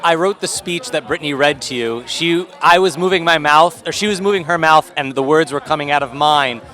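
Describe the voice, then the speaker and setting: A man's voice: fairly high pitch, a little fast, bright, forceful tone, a faint crowd. A man giving wry, joking wedding wishes. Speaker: wedding guest.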